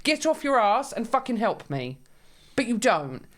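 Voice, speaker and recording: A woman's voice: a little high, sing-song, normal speed. A woman in her thirties, a podcast co-host chatting casually and bluntly, swearing and laughing often. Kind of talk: casual chat.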